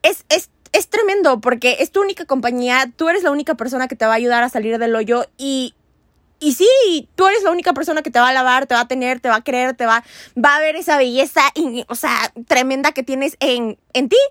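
A woman's voice: high voice, animated, a little fast, a bit bright, no room sound, studio quality. A young woman, hosting a casual chat in an earnest, rambling, self-mocking way. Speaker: podcast host.

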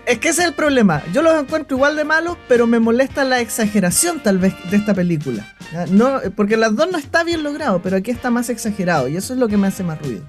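A man co-hosts a radio film review, setting out his arguments in a measured, step-by-step way. His voice sits at an ordinary middle pitch for a man. Faint music runs under the talk. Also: animated. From Chile. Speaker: radio film show co-host. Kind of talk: casual film review chat.

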